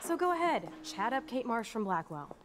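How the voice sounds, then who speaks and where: Sarcastic rebellious young woman, higher voice, game audio with noise. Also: big pitch swings, normal speed. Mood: snarky. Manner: snarky, jealous, sarcastic.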